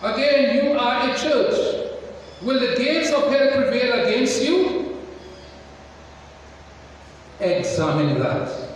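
A man preaching a sermon in a church, slow and deliberate, putting questions to the congregation. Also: very high-pitched, lively intonation, a little hiss or hum. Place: large church hall. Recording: echoey church hall from far off.

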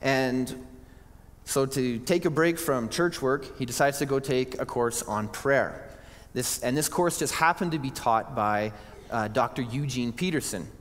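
A man's voice: mid-range voice, unhurried. A male pastor preaching a sermon in an earnest, conversational way, often restarting his sentences. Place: church sanctuary. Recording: church hall reverb.

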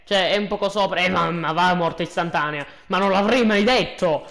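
A gaming host giving casual, joking commentary, excitable and repeating phrases. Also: medium pitch, normal speed.

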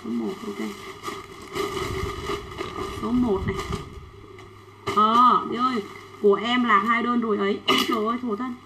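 A woman selling children's clothes on a livestream, chatting quickly and reading out sizes and buyers' names. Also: a little high, steady tone, echoey room, background noise. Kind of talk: fast livestream sales pitch.

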